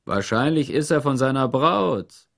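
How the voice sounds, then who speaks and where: A man voicing a cheerful, cocky teenage boy who leads his group, talking loudly and jovially. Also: mid-range voice, animated, measured pace, vocal fry, voice pushed up, exaggerated voice. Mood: teasing. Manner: loud, jovial, bossy.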